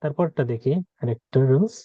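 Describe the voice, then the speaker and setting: Man teaching with slow repeated examples. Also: fairly high pitch, expressive, slightly rough, no room sound, dull audio. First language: Bengali. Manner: repeats example words slowly and asks questions aloud. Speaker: language teacher. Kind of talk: explaining a language lesson.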